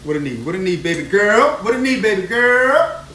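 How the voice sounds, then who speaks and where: High-pitched, bright and forceful, with big pitch swings at a moderate pace, a New Orleans chef chats exuberantly on his live cooking stream, repeating phrases as he cooks in his home kitchen. A phone camera moved around the room records him from a distance, leaving echo and the noise of frying and sizzling food.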